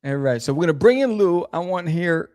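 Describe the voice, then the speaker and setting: A man's voice: a little high, expressive, a little fast, darkish tone. A man hosting his own live stream as a comic creator, hesitant and full of fillers. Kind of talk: casual live-stream chat.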